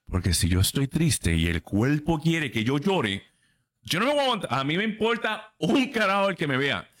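A man's voice: on the high side, sing-song, normal speed, a bit bright. A man in his thirties talks straight to his listeners in a casual podcast. He is blunt and emphatic and swears freely. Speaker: podcast host. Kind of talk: casual livestream chat.

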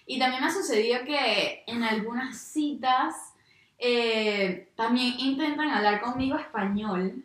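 A Venezuelan woman co-hosting a casual chat, telling lively stories and acting out what others said. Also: fairly high pitch, unhurried. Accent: Venezuelan Spanish. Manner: lively storyteller, acts out dialogue. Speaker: podcast co-host. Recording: echoey room, from a distance.

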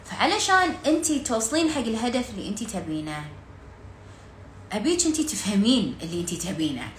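A woman's voice: a little high, very animated, fast talker, echoey room, slight background noise. A woman with a Gulf Arabic accent leading an interactive coaching workshop, firing rhetorical questions at her listeners and dropping English words into her talk.

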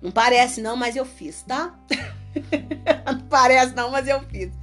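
A woman's voice: high voice, unhurried, soft background music. A woman preaching casually and animatedly, acting out little dialogues as she talks about faith. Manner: lively, animated, acts out dialogue. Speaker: evangelical preacher. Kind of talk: casual religious talk.

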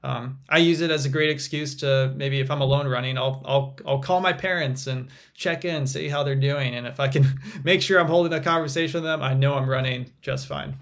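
A young adult man, a physical therapist guest on a podcast, explaining things in a relaxed way with frequent fillers. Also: medium pitch, brisk, few pauses. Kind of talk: casual podcast interview.

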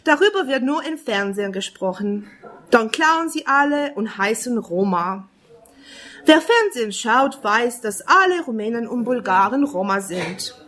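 A woman's voice: fairly high pitch, lively intonation, fairly bright tone. Woman reading spoken-word poetry. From Romania. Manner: measured, earnest, second-person address.

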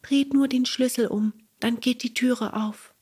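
A woman's voice: steady tone, unhurried, husky. Woman doing a pleading wooden puppet boy. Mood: eager. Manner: high, bright childlike voice.

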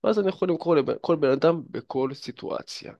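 A man talks straight to the listener in a casual, filler-heavy coaching monologue about dating and fitness. His voice has a gravelly edge, and the recording sounds dull and dry, with little room sound. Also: fairly high pitch, no echo. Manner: chatty, addresses listener directly, many fillers. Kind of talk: casual advice monologue to camera.

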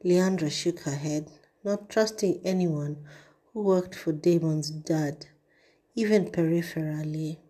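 A woman narrating an audiobook in a measured way, sometimes dropping to a breathy hush. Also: deep voice, fairly even intonation. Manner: measured, with breathy hushed passages. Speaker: audiobook reader.

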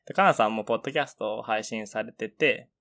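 A man's voice: fairly low pitch, fast, creaky, fairly bright tone. A young man co-hosting a podcast, chatting politely and reading out listener messages. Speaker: podcast co-host. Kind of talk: casual chat.

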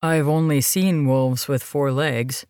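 A woman's voice: a bass voice, steady tone, slow, darkish tone, no room sound, clean studio sound. A woman voicing a shy, underfed young male werewolf who speaks meekly and hesitantly. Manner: meek and hesitant.

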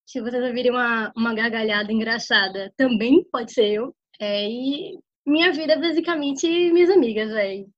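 Lisping young Bahian woman, slightly high voice. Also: moderate pace. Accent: Bahian Brazilian. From Ilhéus, Bahia, Brazil. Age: early 20s. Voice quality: slight lisp, slushy s sounds. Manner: chatty, slangy. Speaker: podcast co-host. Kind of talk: casual self-introduction. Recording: dull lo-fi audio.

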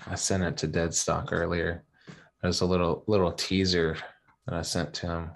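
A man who is a guest on a live-streamed podcast, talking in a laid-back, halting way with many fillers. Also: sits low, flat delivery, vocal fry. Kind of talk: casual live-stream chat.

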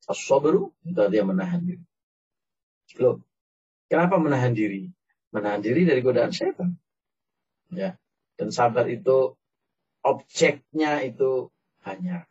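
A man giving a lively religious talk to a congregation, breaking into acted quotes and English words. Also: medium pitch, husky. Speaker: preacher. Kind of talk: Islamic sermon to a live audience. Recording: dull, distant mic.

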